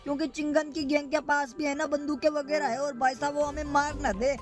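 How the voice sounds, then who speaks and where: Brief: high-voiced, flat, excited male gaming commentator over loud music. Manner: excited, hurried. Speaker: gaming channel host. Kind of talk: gameplay commentary role-play. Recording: loud background game music.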